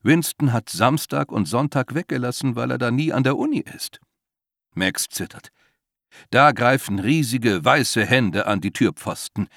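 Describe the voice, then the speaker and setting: A man narrating a humorous story in a wry, measured way. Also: medium pitch, vocal fry, fairly bright tone, no room sound, studio quality.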